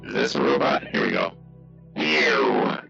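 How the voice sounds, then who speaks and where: A man voicing a huge, menacing male cyborg enforcer through a robot voice filter, talking slowly and threateningly. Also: extremely low pitch, pushed and bright, highs cut off, soft background music, voice pushed down, heavily acted. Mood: testing. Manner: slow, threatening, gravelly. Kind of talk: reading a story with character voices.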